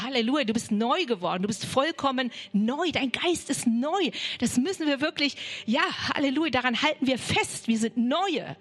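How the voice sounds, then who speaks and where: A woman's voice: fairly high pitch, slightly rough. A woman preaching a charismatic sermon, fervent and peppered with hallelujahs, dropping some words to a whisper.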